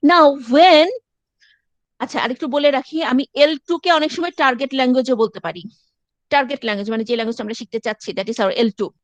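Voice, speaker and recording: Woman lecturer, high voice, dry close sound, step-by-step teaching with English asides. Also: no room sound. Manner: explains step by step, mixing in English phrases. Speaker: university lecturer. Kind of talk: classroom lecture.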